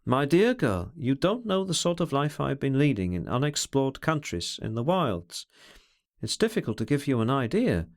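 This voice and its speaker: A man reading aloud, voicing a brooding, bitter man who talks over his feelings in an introspective, measured way. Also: medium pitch, sing-song. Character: brooding, scornful, self-searching man.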